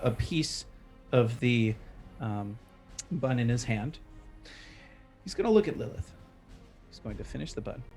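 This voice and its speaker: Slow, halting male tabletop player. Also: medium pitch. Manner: slow, halting, with many fillers. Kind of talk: in-character tabletop role-play.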